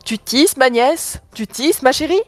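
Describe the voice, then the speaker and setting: A woman's voice: high voice, animated, a little slow, no echo, soft background music, pitched above the performer's own voice. A woman voicing Baba Yaga, a cruel old witch in a storybook tale, coaxing and sly.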